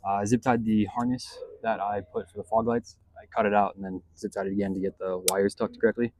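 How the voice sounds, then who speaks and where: In a low, slightly mellow voice with flat delivery, a man talks a little fast, and there's no echo. He's vlogging a hands-on car install, narrating loosely with slang and thinking aloud as he works around a pickup truck.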